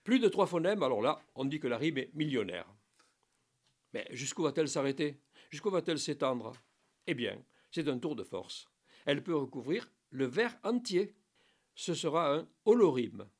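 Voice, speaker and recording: A man giving a spoken lesson on French verse, explaining in a lively teaching manner with playful asides and recited lines. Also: on the high side, moderate pace.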